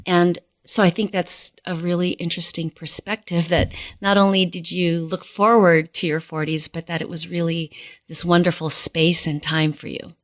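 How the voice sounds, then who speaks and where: A woman hosting a podcast interview, speaking in a measured, earnest way. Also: fairly low pitch, little pitch movement, dry recording, studio quality. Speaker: podcast host.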